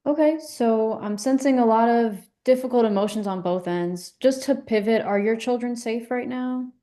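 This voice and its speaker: A woman playing a calm, validating couples therapist in a counselling role-play, asking gently probing questions in a measured way. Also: on the high side, lightly acted. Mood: calm, attentive.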